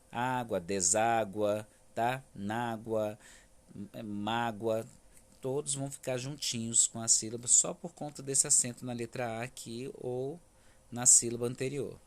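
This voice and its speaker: A Brazilian man from the Federal District explains a worksheet to young pupils in a remote lesson. He is patient and slows down to sound out each syllable, with a tag question after nearly every point. His voice sits at a middle pitch. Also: fairly even intonation. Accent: Brazilian Portuguese, Federal District. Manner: patient, stresses words syllable by syllable, frequent "tá?" checks. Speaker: primary school teacher.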